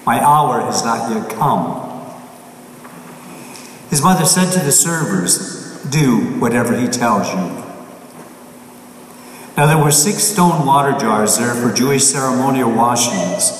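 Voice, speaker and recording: A man preaching as a priest in a large church, his voice ringing with heavy cathedral echo and a long, lingering reverb. He sounds distant from the microphone, with faint noise underneath. His delivery is plain and halting, often restarting a phrase mid-sentence. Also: mid-range voice, expressive. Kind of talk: gospel reading and homily.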